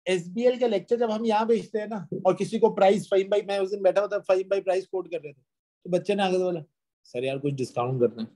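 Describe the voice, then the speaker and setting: A man's voice: high voice, steady tone, fast, mellow, poor audio. A young man with a Pakistani Urdu accent teaching a classroom lecture, chatty, with storytelling asides and English phrases mixed in.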